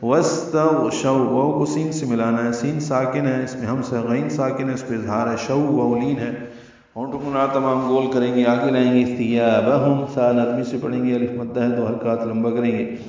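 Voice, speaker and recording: A man teaching Quran recitation rules in a tajweed lesson, slowly and deliberately spelling out letter sounds. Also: mid-range voice, little pitch movement, a little mellow. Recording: very echoey, distant, dull lo-fi.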